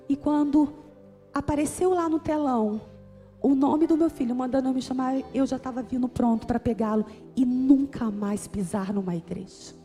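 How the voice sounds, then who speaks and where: With a high, mellow voice, a woman speaking with a Brazilian Portuguese accent delivers a sermon in a church auditorium, sharing a personal story in earnest before rising to emphatic appeals. Long reverb and faint music fill the hall.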